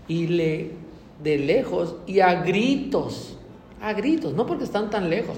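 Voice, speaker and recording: Male preacher, slightly high voice, emphatic sermon delivery with rhetorical questions, roomy echoing hall. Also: a little hiss or hum. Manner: emphatic, rising to loud declarations then dropping low; frequent tag questions to the congregation. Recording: echoey hall with faint ambience.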